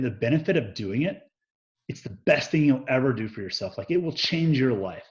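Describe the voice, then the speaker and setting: A man tells his own story as an interview guest, candid and unfiltered, with frequent swearing. He slips into lively re-enactments of what people said to him. The audio sounds slightly dull and lo-fi. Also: mid-range voice. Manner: profane, animated, acts out quoted dialogue.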